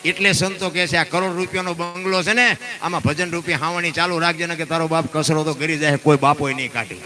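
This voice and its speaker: Lively high-voiced storyteller. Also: male voice, fast talker, over music. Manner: lively, emphatic, preacherly, acts out quoted people. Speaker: dayro folk storyteller. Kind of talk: folk storytelling and moral talk before an audience.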